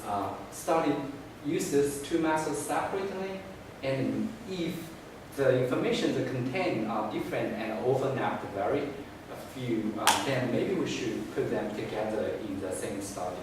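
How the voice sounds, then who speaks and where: A man who speaks as a gives an academic thesis defense presentation in a halting, hedging way with frequent restarts. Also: mid-range voice, animated. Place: indoor room, recorded from a distance. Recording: echoey room, distant mic, noisy background.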